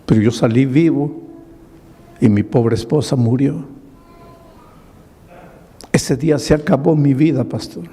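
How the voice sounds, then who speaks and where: Male pastor, slow and mellow, dramatic sermon storytelling, big reverberant hall. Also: medium pitch, husky. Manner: slow, dramatic retelling with quoted dialogue. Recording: long reverb of a large hall.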